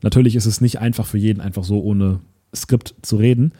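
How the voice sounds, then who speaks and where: A man's voice: fairly low pitch, brisk, husky. A man co-hosting a podcast, talking casually and animatedly, often restarting words and mixing in English terms. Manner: animated, self-correcting, mixes English words. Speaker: podcast co-host.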